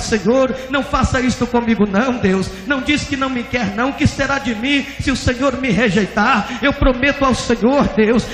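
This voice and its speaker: A proud pastor breaks down and pleads with God, his cries pitched high and loud, as a preacher acts him out. The voice rings through a long, echoing hall. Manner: desperate, shouting pleas. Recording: echoey hall, faint noise.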